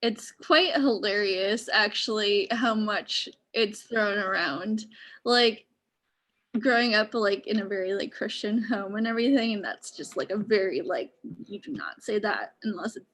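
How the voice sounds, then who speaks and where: A woman panelist in a casual discussion, speaking haltingly and saying "like" often. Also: mid-range voice, fairly bright tone. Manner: halting, heavy use of like.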